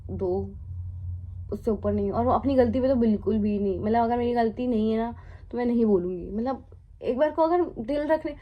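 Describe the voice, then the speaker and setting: A woman's voice: a little high, dull audio. A young Indian woman in her twenties, a flight attendant telling a storytime vlog in casual Hindi mixed with English. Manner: chatty, mixes English into Hindi, asides and laughs.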